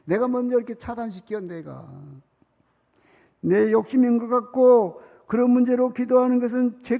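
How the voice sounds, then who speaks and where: A gravelly, somewhat high-pitched middle-aged man gives a sermon as pastor, keeping it chatty with frequent laughter and acted-out pleas from children. The setting is a large church sanctuary, heard through muffled, reverberant audio.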